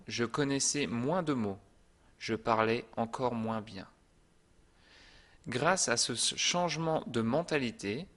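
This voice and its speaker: A man narrating a French lesson in a calm, deliberate, scripted manner. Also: medium pitch. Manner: slow and deliberate, calm reassuring delivery. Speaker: French teacher.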